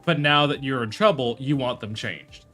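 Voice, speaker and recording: A man's voice: mid-range voice, moderate pace, pushed and bright, faint music behind. A man streaming live, talking casually and rambling, with many fillers, restarts and some swearing.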